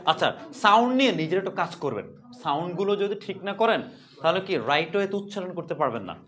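A man's voice: high voice, animated, fairly quick, fairly bright tone. A man teaching an English pronunciation class, teasing his students and repeating sounds as drills.

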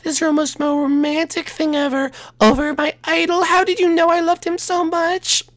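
Man doing a gushing falsetto Princess Daisy. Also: little pitch movement, normal speed, fairly bright tone. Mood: sweet. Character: sweet, gushing young princess, thrilled girlfriend. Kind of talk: improvised game role-play for online video.

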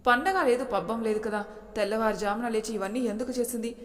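A woman's voice: fairly high pitch, steady tone, quick pace, lightly acted. A woman voicing an angry, scolding older mother-in-law in a storybook reading, with a long hall reverb. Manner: shouting, scolding.

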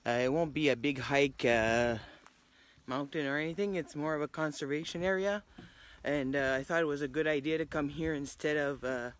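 A woman's voice: low voice, moderate pace, a little hiss or hum. A middle-aged woman chatting casually on a nature trail, rambling with lots of fillers, recorded on a phone held at arm's length outdoors. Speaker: hiking vlogger. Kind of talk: casual chat.

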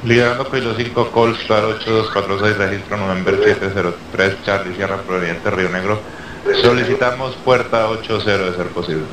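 Low-voiced pilot over the radio, echoey. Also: male voice, steady tone, fairly quick. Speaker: airline pilot. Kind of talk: radio phraseology. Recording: echoey, noisy radio channel.

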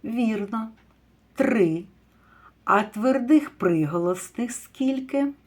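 A kindergarten teacher leads a phonics lesson for young children, sounding out words slowly and asking questions. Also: female voice, on the high side, lively intonation, darkish tone. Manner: slow, drawn-out word sounding with praise and questions.

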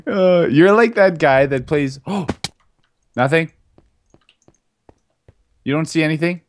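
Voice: medium pitch, takes it slowly, a little hiss or hum. A player chatting casually during a co-op video game, giggling and teasing a friend. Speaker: let's play gamer. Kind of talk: casual co-op gameplay chat.

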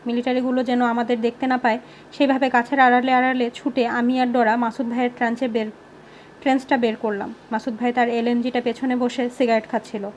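Brief: woman narrator, fairly high voice, storybook reading, faint hiss underneath. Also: level tone, brisk. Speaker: audiobook reader.

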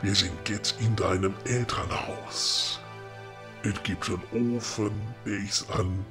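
A man's voice: lowish voice, steady tone, takes it slowly, music in the background. A man with a Ruhr German accent playing a grumpy but helpful middle-aged woodcarver in a comedic audio play, chummy and matter-of-fact. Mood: hypnotic, soothing.

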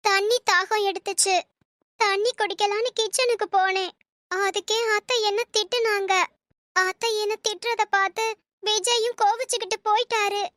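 A woman's voice: extremely high pitch, steady tone, normal speed, a bit bright, no room sound, clean studio sound. A woman voicing a timid young bride in a cartoon, speaking meekly and hesitantly. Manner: meek, hesitant. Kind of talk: cartoon voice acting.

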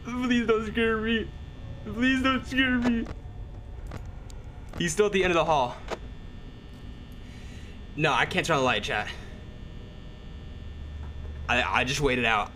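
A man's voice: lowish voice, moderate pace, pauses often, sharp tone, slight background noise. A young man commenting live on a horror game to his chat, nervous and pleading, repeating himself. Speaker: game streamer. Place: small room at home. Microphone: desk mic near the face.

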